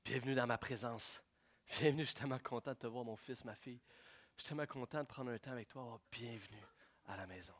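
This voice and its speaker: A preacher voicing Jesus, speaking in a warm, inviting, conversational way. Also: male voice, sits high, brisk, pitched above the performer's own voice. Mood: tender. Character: gentle welcoming Jesus speaking to believers.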